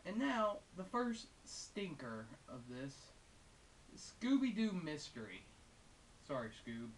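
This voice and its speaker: With a slow, sing-song delivery in a mid-range voice, a female-sounding game reviewer shares casual, opinionated thoughts off the cuff. Wry asides run through her conversational talk. The recording is hissy and the microphone distant.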